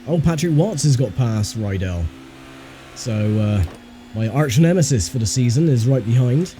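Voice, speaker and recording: A man's voice: medium pitch, lively intonation, moderate pace, warm tone. A man hosting a racing game video, giving casual commentary on his own driving. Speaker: sim racer and host. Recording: faint engine noise behind voice. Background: racing game car sounds.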